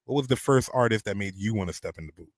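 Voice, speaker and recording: A man's voice: fairly low pitch, expressive, fast talker, no echo. A man hosting a radio interview, talking straight to his online chat and steering the conversation with an upbeat manner. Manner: addresses the chat audience directly. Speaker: radio host.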